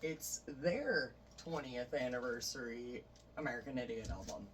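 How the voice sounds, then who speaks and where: A man's voice: mid-range voice, expressive, moderate pace, a bit bright. A man chatting casually and enthusiastically as he shows off his record collection, rambling with many fillers. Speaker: vlogger showing a vinyl record collection. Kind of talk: casual chat. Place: bedroom. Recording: voice a bit distant from the mic, faint noise.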